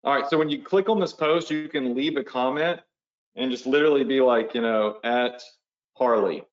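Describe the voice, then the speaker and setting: In a casual live webinar, a man with a medium-pitched voice explains steps at a moderate pace and keeps checking in with his audience, hiccuping as he goes. The recording is reverberant and lo-fi.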